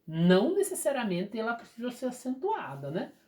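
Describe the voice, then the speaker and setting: A teacher with a Brazilian Portuguese accent, patiently explaining a recorded grammar lesson and slowly drawing out the key words. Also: medium pitch, huge pitch swings, a little mellow.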